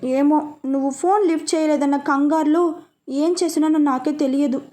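A woman's voice: high-pitched, fairly even intonation, normal speed, mellow, faint music behind, close to an everyday voice. A woman voicing a devoted, teasing young woman in love, who speaks in a playful, affectionate way. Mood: tender.

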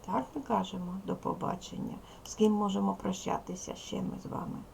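Gravelly-voiced woman teaching young children. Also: mid-range voice, darkish tone, a little hiss or hum. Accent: Ukrainian. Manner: slow, careful, deliberate explanation to young pupils. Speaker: primary school teacher. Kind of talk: recorded video lesson for children.

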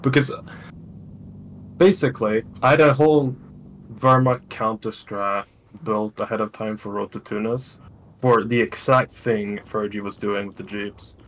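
A man's voice: fairly low pitch, a little slow. A tired tournament player, a man, chatting casually after a match, swearing freely and stumbling over his words. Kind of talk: casual post-match chat.

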